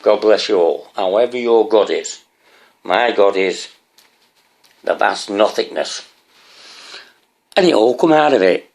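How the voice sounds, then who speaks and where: A man's voice: on the low side, slow, creaky, pauses often. A man rambling to his viewers in a swearing, ranting monologue, often asking them questions. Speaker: vlogger.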